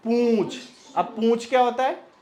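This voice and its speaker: In an expressive high voice, a male teacher runs a spoken language lesson, supplying the answers to his own questions. He repeats vocabulary slowly, lingering on the nasal sounds, and often checks for clarity.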